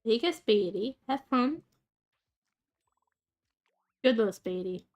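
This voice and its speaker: A woman talks her way through a game in a loose, chatty way. Her voice sits fairly high, and she often speaks fondly to the pets on screen. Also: expressive, slow. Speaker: gaming channel host. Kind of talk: casual gameplay commentary.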